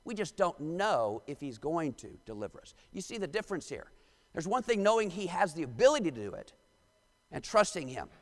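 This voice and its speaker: A man's voice: fairly high pitch, big pitch swings, fairly quick. A male pastor with a Midwestern American accent, preaching a sermon and reading scripture aloud with emphasis. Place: church sanctuary. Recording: long church hall reverb.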